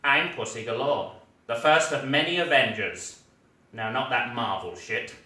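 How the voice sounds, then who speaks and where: A man voicing a sultry, brash female pilot in a low, dry voice. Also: a little slow, pushed and bright. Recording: roomy live stage sound from a distance.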